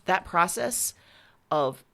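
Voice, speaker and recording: A writer and musician, interviewed as a guest, chats casually and candidly about her creative work with real enthusiasm. Her voice sits on the low side, animated yet slow, creaky, pushed and bright.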